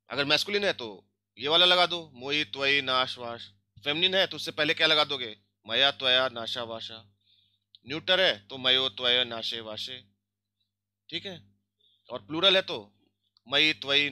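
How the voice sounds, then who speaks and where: A man's voice: a little high, pushed and bright, clean tone. A man teaching an online grammar lesson, mixing Hindi with English and drilling word forms aloud, asking questions and answering them himself. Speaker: language teacher.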